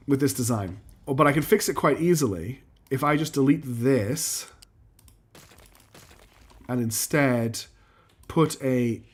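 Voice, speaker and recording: Live gameplay commentary from a man building factories: he's losing his voice and clearing his throat, speaking in a mid-range tone. He talks himself through every step, counts out loud, poses questions to himself, and answers chat as he plays.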